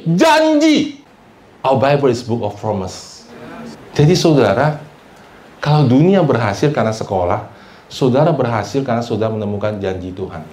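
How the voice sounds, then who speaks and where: A male pastor delivering a sermon, often calling out to his listeners and asking for amens, and mixing English phrases into his talk. He rises loud for emphasis, then drops low and soft. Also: expressive, brisk, slight background noise. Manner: preaching with frequent calls of "saudara" and "amin", mixing in English phrases.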